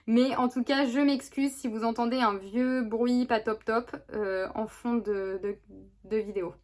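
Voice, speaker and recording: A woman with a somewhat high voice chats her way through a makeup tutorial. She rambles, restarts her sentences and fills pauses with hesitations as she explains each step. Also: fairly even intonation, darkish tone. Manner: chatty, rambling with many fillers and restarts. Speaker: beauty vlogger. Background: neighbor's lawnmower.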